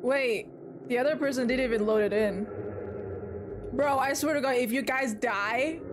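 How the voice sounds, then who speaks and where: A woman giving casual, reactive gameplay commentary as a streamer, excitable and slangy, often exclaiming. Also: on the high side, moderate pace, noisy background. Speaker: game streamer.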